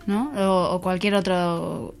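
A woman in a casual discussion, telling an anecdote in an animated way. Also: on the low side, slow, vocal fry, soft background music. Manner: animated storytelling, acts out quoted voices. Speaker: radio show participant.

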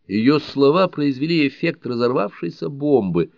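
A man narrating a thriller audiobook in an even, subdued way, on a dull lo-fi recording. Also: medium pitch, normal speed, creaky, dry recording. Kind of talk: scripted narration.

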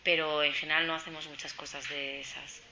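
A quick, bright-voiced woman from Spain gives an informal talk, chatting and telling stories and slipping into the voices of the people in them. The recording is muffled and lo-fi, with a faint hiss underneath. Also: sits low, little pitch movement. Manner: chatty, storytelling, acts out quoted dialogue. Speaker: journalist giving a talk. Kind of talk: informal public talk with anecdotes. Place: social centre meeting room.

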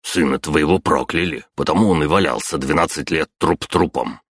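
A man's voice: extremely low pitch, normal speed, fairly bright tone, breathy edge, no room sound, clean studio sound, full character voice. A man voicing a cranky, grumbling old grandfather with a whining, complaining manner.

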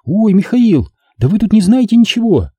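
Guy doing a teary eager young girl, way up high, breathless, husky. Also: sing-song, normal speed, warm tone, dry recording, full character voice. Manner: breathless, emotional exclamations. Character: young woman, tearful, eager and devoted. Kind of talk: audiobook reading.

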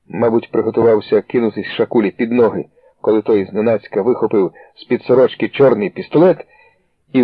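Husky man narrating a story. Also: on the low side, no room sound. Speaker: audiobook reader. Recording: dry, tinny phone-like sound.

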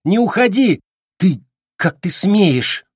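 A man voicing an angry, defiant woman who talks sharply and shouts. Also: on the high side, lively intonation, normal speed, dry recording, studio quality, voice pushed up, close to an everyday voice. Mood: furious.

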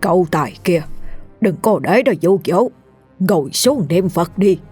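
A woman's voice: fairly low pitch, animated, unhurried, darkish tone, slightly rough, soft background music. A woman with a Southern Vietnamese accent voicing a feeble, stern old male exorcist who stammers out commands.

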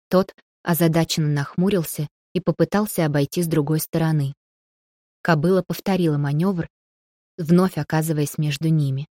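A woman narrating a novel in a measured storytelling manner. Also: low voice, mellow, no echo, studio quality. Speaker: audiobook narrator. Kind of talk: scripted narration.

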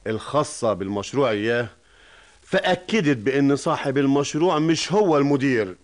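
An actor playing a stern, questioning Egyptian company director in a radio drama. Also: male voice, mid-range voice, animated, a little fast, close to an everyday voice. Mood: explaining. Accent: Egyptian Arabic. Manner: questioning, authoritative.

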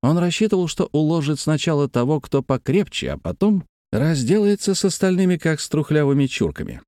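A man narrating a story aloud, addressing his listeners, with expressive reading. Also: fairly high pitch, a little fast, no echo, studio quality.

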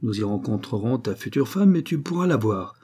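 A man reading the part of a worldly, commanding society woman in an audiobook, talking briskly and knowingly. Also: medium pitch, expressive, warm tone, slightly rough.

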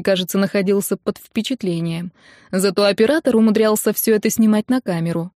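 Woman narrating a lively audiobook. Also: mid-range voice, dry recording, studio quality. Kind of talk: first-person audiobook narration.

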